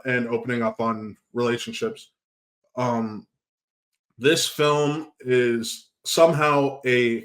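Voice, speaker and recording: Male film-review host, mid-pitched, chatty and rambling, casual delivery. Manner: chatty, rambling with restarts and asides. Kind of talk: casual movie review talk.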